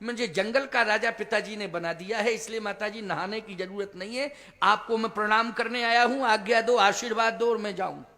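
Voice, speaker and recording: A man voicing a calm, playful young prince who talks in a lightly teasing way. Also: high voice, moderate pace, big-room sound.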